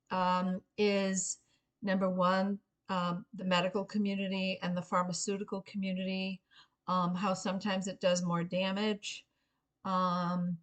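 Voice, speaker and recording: A middle-aged woman giving an earnest, informal spoken pitch as personal storytelling, in a halting way with frequent pauses. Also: a bit bright. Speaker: Reiki practitioner and memoir author pitching a book.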